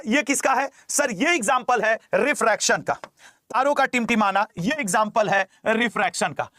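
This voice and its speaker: A man's voice: very high-pitched, sharp tone. A man teaching an exam-prep class in a teasing, chatty way, repeating key terms, with a regional lilt.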